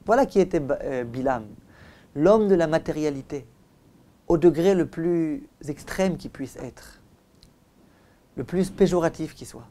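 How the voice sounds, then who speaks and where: Unhurried and pausing at length, a rabbi with a higher-than-average voice delivers a Torah lecture. He stresses points emphatically and didactically, repeats for emphasis, asks rhetorical questions, and lets his phrases trail off softly.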